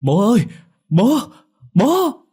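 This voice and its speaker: A man's voice: sits low, moderate pace, husky. A man playing a frightened grown son who stammers in a shaking voice after a nightmare. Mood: terrified. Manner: shaken, stammering, crying out. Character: frightened grown son haunted by dead father.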